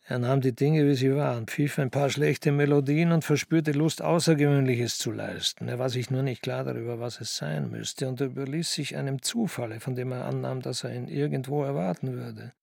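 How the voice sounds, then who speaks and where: A man narrating a literary story in an expressive, dramatic reading style. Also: mid-range voice, normal speed, vocal fry, few pauses, dry recording, studio quality.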